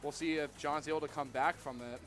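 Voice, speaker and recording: A man giving live color commentary on a fighting game tournament, explaining the play in a measured, analytical way. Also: fairly high pitch, steady tone. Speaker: esports co-commentator. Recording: music playing behind.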